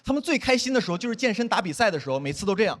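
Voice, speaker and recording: A man's voice: high-pitched, racing, slight background noise. A young man performing a self-mocking stand-up comedy set on stage before a live audience. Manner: animated, self-mocking punchlines.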